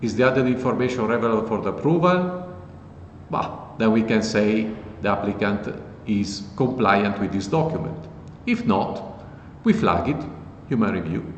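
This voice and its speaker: A man hosting a casual tech tutorial, walking through code in a relaxed, plain explanatory way. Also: on the low side, moderate pace, dull audio. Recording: echoey with long reverb and faint noise.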